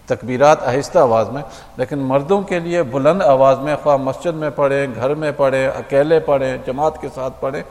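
A man speaking as an imam, explaining religious practice to a congregation in a steady, explanatory way with small hesitations. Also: medium pitch. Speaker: imam giving a mosque talk. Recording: long hall reverb.

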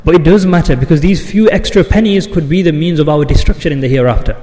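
A man giving an impassioned Eid sermon, building to forceful rhetorical questions. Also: a little high, quick pace. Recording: long hall reverb.

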